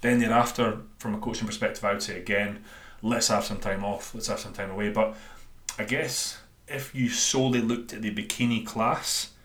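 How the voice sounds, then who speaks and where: A man's voice: fairly low pitch, fairly even intonation, normal speed, fairly bright tone. A man with a Dundee Scottish accent talking casually and informally as a solo podcast host and coach, rambling a little and self-deprecating. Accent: Dundonian Scottish. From Scotland. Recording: roomy, echoey sound.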